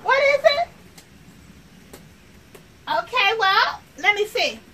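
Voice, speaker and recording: A woman's voice: very high-pitched, very animated, slow, background noise, voice pushed up, heavily acted. Woman doing Miss Margarita, a brassy old lady. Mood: chatty. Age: older. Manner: rambling, chatty, addresses viewers directly. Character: chatty brash 82-year-old woman. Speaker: comedic character sketch. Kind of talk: improvised comic monologue. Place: outdoors.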